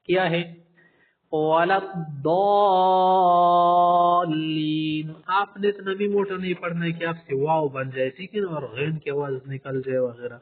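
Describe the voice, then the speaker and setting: Man teaching recitation over a tinny line. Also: on the high side. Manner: demonstrates recitation slowly, drawn out and sung; addresses listeners as respected gentlemen, explanatory. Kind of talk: tajweed lesson. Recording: tinny phone-like recording.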